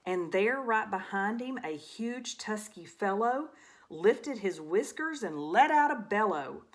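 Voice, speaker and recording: A woman narrates a rhyming children's story with expression. Her medium-pitched voice moves very slowly through the verse. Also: animated. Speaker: storybook reader.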